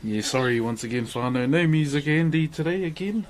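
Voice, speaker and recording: A man's voice: a little high, animated, fairly quick. A man with a broad New Zealand accent chatting casually on a livestream in a laid-back, matey, slangy way. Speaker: livestream host.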